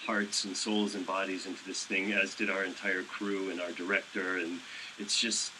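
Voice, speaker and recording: A man interviewed at a live event, speaking haltingly and searching for words with many fillers. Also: deep voice, little pitch movement. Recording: noisy live event audio.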